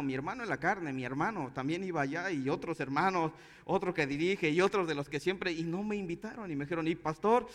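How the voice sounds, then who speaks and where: Before preaching, a pastor with a Mexican Spanish accent tells a conversational anecdote, slipping in chuckling asides. His voice is fairly high and fairly bright, and it carries a big-room sound.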